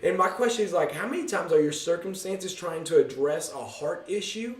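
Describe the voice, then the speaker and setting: A man's voice: sits high, expressive, fairly quick. A man leading a casual Bible study, joking and chatting as he reads scripture aloud. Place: church room. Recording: echoey room from a distance.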